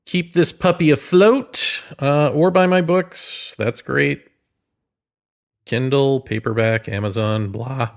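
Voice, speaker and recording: A man who is a podcast host and author talks solo in a casual, rambling way, hesitating as he thinks aloud. His mid-range voice moves slowly with vocal fry, and his manner is wry and self-deprecating.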